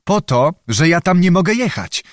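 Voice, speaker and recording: A man's voice: sits high, sing-song, normal speed, dry recording, studio quality, pitched above the performer's own voice. A man voicing a shrewd, phlegmatic young male servant who tells his story in a sly, matter-of-fact way. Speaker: storyteller within the tale.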